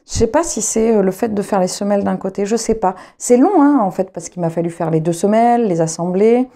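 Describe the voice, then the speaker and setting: Her mid-range voice is expressive, brisk and mellow as this young Frenchwoman chats on camera. A knitting vlogger who also plays trumpet, she wanders through her thoughts with frequent fillers and restarts.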